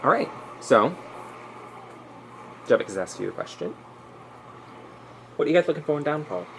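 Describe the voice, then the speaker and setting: A man's voice: on the high side, sing-song, moderate pace, creaky, rough recording. A man working as game master, narrating a tabletop adventure in a casual, improvised way. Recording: faint background noise.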